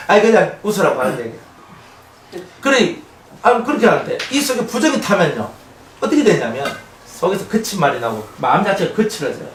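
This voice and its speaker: A male pastor preaching an expository sermon, conversational and animated, often asking the congregation questions. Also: high-pitched, moderate pace. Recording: echoey room, mic at a distance, faint noise.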